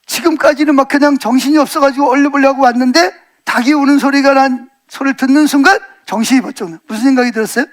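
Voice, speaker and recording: A middle-aged male pastor delivers a sermon in a very high-pitched voice, talking fast with few pauses. He retells a story with lively, acted-out quotes and keeps putting questions to the congregation.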